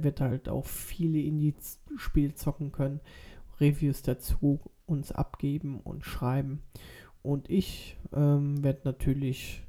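A man's voice: mid-range voice, warm tone. A man with a stuffy nose from a cold, talking casually and hesitantly as a solo podcast host.

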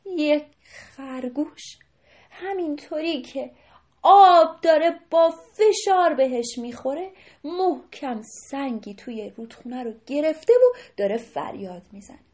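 A woman telling a story to children, her voice high yet soft and mellow. She is animated and often turns to talk to her young listeners directly.

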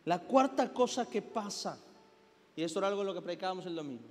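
A man's voice: high voice, lively intonation, quick pace, big-room sound, soft background music. A male pastor preaching a sermon, calling out "amén" as he builds his points. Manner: preaching with rising intensity and repeated "amén".

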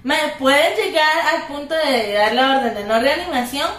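Young Costa Rican woman co-host, high and slangy, recorded in an echoey room. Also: expressive, moderate pace, fairly bright tone. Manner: slangy, chatty, addresses listeners as gente. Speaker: podcast co-host. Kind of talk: casual chat.

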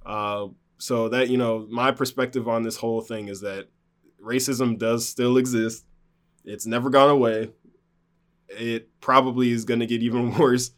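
Man, casual storyteller, mid-pitched, loose and rambling with fillers. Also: fairly even intonation, normal speed. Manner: rambling, with many fillers and restarts. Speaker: guest telling a personal story.

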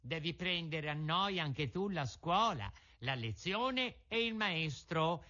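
A man's voice: a little high, animated, slow pace, pushed and bright, voice pushed up, full character voice. A man doing jeering, bullying schoolboys. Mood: taunting. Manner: jeering, threatening taunts. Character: gang of rough schoolboys, bullying and taunting. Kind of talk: storybook reading. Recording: dull lo-fi recording.

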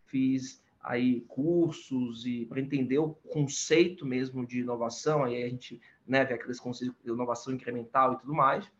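A man's voice: mid-range voice, steady tone, normal speed, few pauses, lo-fi sound. A man in his thirties from Salvador, Brazil, talking as a podcast guest in a casual, hesitant way with many fillers and restarts. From Salvador, Bahia, Brazil. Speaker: guest, startup competition lead. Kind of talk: casual interview conversation.

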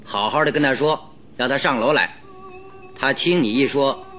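In a radio drama, a male actor with a natural, mid-range voice plays a shrewd, calm detective. He speaks in a measured, persuasive way with sly confidence, and faint music plays behind him.

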